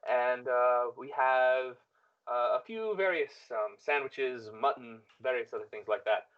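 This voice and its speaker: A man voicing a flustered male tavern keeper in a tabletop game, talking haltingly with many hesitations, on a dull lo-fi recording. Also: medium pitch, lightly acted. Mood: apologetic.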